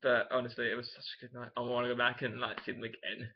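Young guy, gushing vlog chatter, mid pitch, muffled lo-fi sound. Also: little pitch movement, fast talker, slightly rough. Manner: chatty, filler-heavy, gushing. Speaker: vlogger. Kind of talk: casual excited storytelling.

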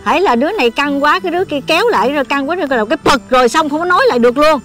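A woman's voice: high voice, expressive, very fast, fairly bright tone, faint music behind. A middle-aged actress with a Southern Vietnamese accent playing a fussy mother who scolds and lectures her daughter. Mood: lecturing. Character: fussy scolding mother giving folk advice. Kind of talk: comedy film acting.

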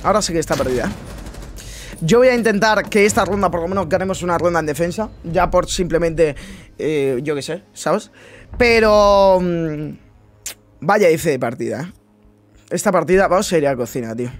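A man's voice: fairly high pitch, normal speed. A young man, giving casual, slangy gameplay commentary full of swearing and addressing his viewers directly. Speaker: gaming streamer.

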